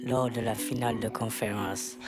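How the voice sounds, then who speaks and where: An anonymous contestant speaking through an electronically modified, disguised voice in a slow, measured way. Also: mid-range voice, steady tone, over loud music.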